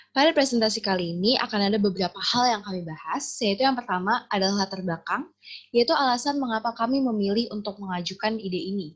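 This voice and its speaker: A young woman presents a student essay as a team member. She talks in a steady, methodical way and walks through her points one by one at a mid pitch. The audio is slightly dull and lo-fi. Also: slightly rough. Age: young adult.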